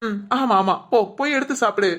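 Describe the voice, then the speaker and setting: A woman's voice: on the high side, brisk, fairly bright tone. Woman playing a patient, soothing young husband. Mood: gentle. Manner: soothing, pleading reassurance. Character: patient young husband and father, gentle and hopeful. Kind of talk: storybook short drama.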